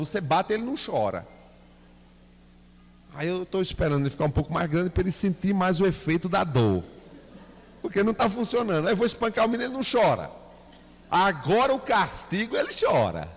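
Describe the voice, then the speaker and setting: A man with a Bahian Portuguese accent teaching a Bible class, asking the class questions and acting out little scenes. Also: high voice. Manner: lively, asks the class questions, acts out scenes with his son. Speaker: church teacher. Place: church hall. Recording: reverberant church hall.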